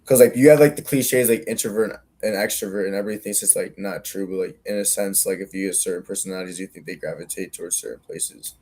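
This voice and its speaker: A young man in relaxed podcast talk who feels his way through deep questions, padding them with "like." His voice sits on the low side. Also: fast talker, hardly any pauses. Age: young adult. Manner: searching, loose questions full of "like". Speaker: podcast co-host. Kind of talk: casual chat.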